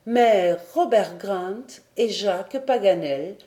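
Slow, dark-toned woman reading an audiobook. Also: medium pitch, expressive. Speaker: audiobook reader. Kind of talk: audiobook narration of a classic novel.

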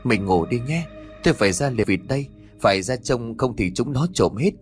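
A man's voice: mid-range voice, lively intonation, moderate pace, soft background music, natural voice. A man playing a coarse village duck farmer who talks bluntly and brusquely. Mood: casual.

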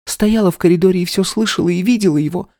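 Brief: frightened young woman in an audiobook, done by a man in falsetto, high and pleading, dry close read. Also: fast talker, mellow, dry recording, close to an everyday voice. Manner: high trembling falsetto, begging.

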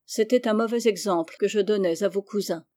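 A kind, thoughtful uncle from a storybook, read by a woman in her own voice. He speaks gently and reflectively, like a man half talking to himself. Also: medium pitch, a little fast, close to an everyday voice.

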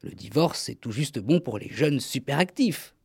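A man's voice: medium pitch, expressive, normal speed, vocal fry, a little mellow, slightly rough, no echo, clean studio sound. A man hosting a radio show, delivering scripted comic narration in a wry, mock-solemn way. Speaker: radio host. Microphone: studio microphone.

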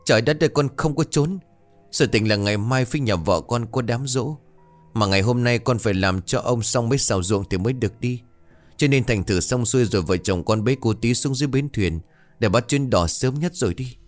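A man's voice: medium pitch, brisk, faint music behind, close to an everyday voice. A man voicing a poor, frightened farmhand who stammers and pleads desperately. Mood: pleading.

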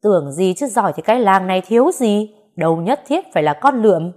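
A woman's voice: medium pitch, expressive, a little fast, darkish tone, natural voice. A woman voicing a lecherous middle-aged man who wheedles and makes excuses. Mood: wheedling.

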